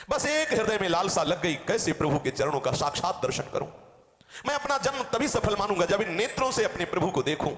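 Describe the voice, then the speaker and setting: A man's voice: fairly high pitch, a bit bright. Man giving a devotional talk in an echoey hall. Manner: storytelling in first person of a sage, quoting verses. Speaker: spiritual teacher. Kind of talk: devotional discourse. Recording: roomy hall with long reverb.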